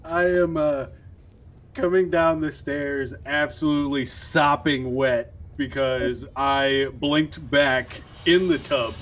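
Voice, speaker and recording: A man's voice: a little high, steady tone, slow pace, fairly bright tone, slight background noise. A man playing a tabletop game, speaking in character with a shivering stammer. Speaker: player.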